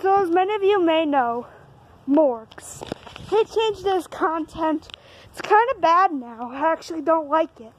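A woman's voice: very high-pitched, lively intonation, measured pace, slight background noise, poor audio. A female vlogger talking casually outdoors in a backyard, rambling and often losing her thread, blunt and swearing.

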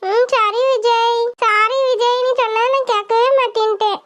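A woman's voice: very high-pitched, level tone, moderate pace, a bit bright. A woman voicing a greedy little girl in a cartoon who whines about her stomach ache. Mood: whiny. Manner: whiny, pleading. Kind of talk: cartoon voice acting.

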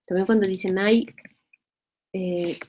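Female teacher, mellow tone, patient and repetitive, faint hiss in the background. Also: medium pitch, fairly even intonation, takes it slowly. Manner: explanatory, repeats phrases, checks in with "¿verdad?". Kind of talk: spelling lesson.

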